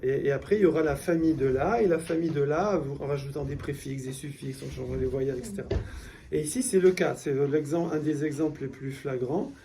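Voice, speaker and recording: A man's voice: on the high side, fast talker, vocal fry, background noise. A man teaching a classroom lesson, patiently explaining step by step and quizzing his students. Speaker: Hebrew teacher.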